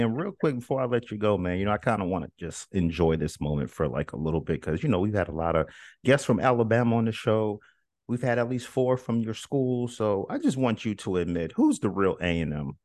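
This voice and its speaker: Podcast host, man, very low voice, dry close mic, playful teasing. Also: very animated, fast, a little mellow, no room sound. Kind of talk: casual podcast chat.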